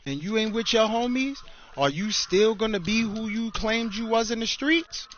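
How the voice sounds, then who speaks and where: Profane, animated male streamer, lo-fi. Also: high voice, normal speed. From New York. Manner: loud, profane, animated storyteller. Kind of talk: casual chat, storytelling. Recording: dull lo-fi stream audio with faint hiss.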